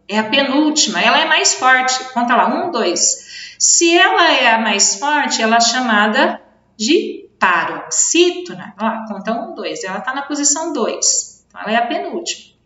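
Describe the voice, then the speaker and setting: A Brazilian woman teacher with a high, bright voice works through a children's video lesson. She explains patiently, drawing out words to mark their stressed syllables. The recording is dull and lo-fi, with the echo of a bare room. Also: big pitch swings, normal speed. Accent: Brazilian Portuguese. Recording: echoey room, dull lo-fi sound.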